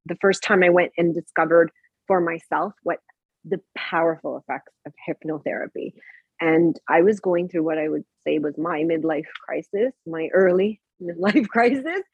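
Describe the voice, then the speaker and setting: A woman in her thirties tells a candid personal story in a breathy, slightly husky voice. She gets animated and acts out remembered dialogue. The sound is close and dry, with a dull, muffled tone. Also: fairly low pitch, normal speed, dry recording. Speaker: podcast guest.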